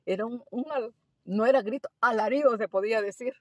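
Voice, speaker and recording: A woman's voice: a little high, a little fast, no echo. Chatty woman telling a driving story. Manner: animated storyteller, mixes English phrases into Spanish. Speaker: driving instructor. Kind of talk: casual storytelling interview.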